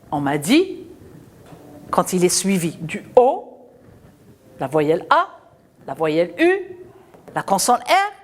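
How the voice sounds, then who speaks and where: A woman teaching a children's phonics lesson, patient and questioning, spelling out letters and sounds slowly. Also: mid-range voice, a little mellow.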